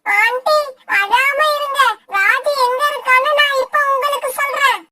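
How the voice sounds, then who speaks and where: A woman voicing a small, cheerful young female sparrow in a cartoon story, with a very high childlike voice. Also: steady tone, unhurried, sharp tone, dry recording, heavily acted. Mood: kind. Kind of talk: cartoon voice acting.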